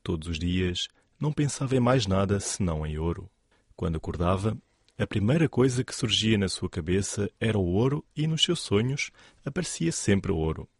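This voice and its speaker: A man narrating an old fable in a slow, deliberate reading voice. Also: lowish voice, lively intonation, slightly rough, dry recording, clean studio sound. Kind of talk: storytelling narration.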